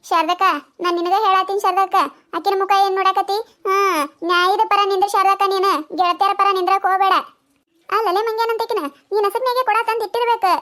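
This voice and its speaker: A woman's voice: very high-pitched, flat delivery, quick pace, fairly bright tone. A woman doing a squabbling village woman. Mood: accusing. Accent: North Karnataka Kannada. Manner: arguing, accusing, pleading. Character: quarrelsome village woman at the water tap. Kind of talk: cartoon voice acting.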